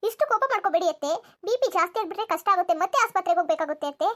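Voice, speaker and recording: A woman's voice: very high-pitched, rapid-fire, fairly bright tone. A woman voicing a lazy, sleep-loving young daughter-in-law in a cartoon comedy, cheeky and argumentative. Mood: placating. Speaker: narrator addressing viewers.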